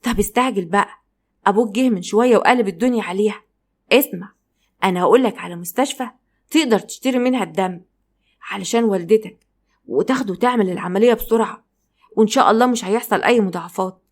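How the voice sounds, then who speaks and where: A woman's voice: mid-range voice, fast talker, natural voice. Woman voicing a scheming young Egyptian wife. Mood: hushed. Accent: Egyptian Arabic.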